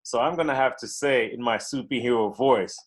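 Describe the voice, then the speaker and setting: A man's voice: mid-range voice, fairly quick. A man giving a motivational impromptu speech at a club meeting, using rhetorical questions. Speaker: meeting participant answering a table topic.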